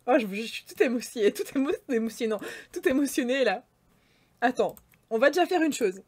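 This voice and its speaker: A woman giving gushing, excitable commentary to her viewers as she plays a life-sim game. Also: fairly high pitch, fast talker, husky. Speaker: gaming YouTuber. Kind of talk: casual Let's Play commentary.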